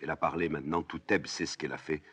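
A man reading a play aloud, voicing a weary, stern king who speaks gravely and with resignation. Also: a bass voice, fairly even intonation, rapid-fire, a bit bright, exaggerated voice.

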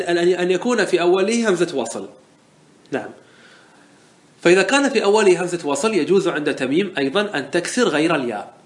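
Sheikh teaching a grammar class, man, slightly high voice, asks and answers his own questions. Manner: asks questions and answers them himself, repeats examples. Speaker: sheikh teaching Arabic morphology. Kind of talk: classroom lesson explaining verse text.

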